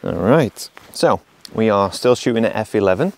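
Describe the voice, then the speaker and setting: A man in his thirties, a landscape photographer, calmly explaining his film-camera shoot outdoors in a forest, picked up by a camera mic a few meters away. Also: on the low side, normal speed. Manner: calm, explanatory, counts a long exposure in a whisper. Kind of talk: on-location vlog narration. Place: outdoors in an autumn beech forest.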